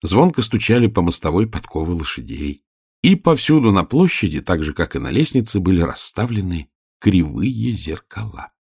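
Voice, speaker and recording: A man narrating a storybook in a steady, expressive reading voice. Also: low voice, moderate pace, slightly rough, no room sound, studio quality.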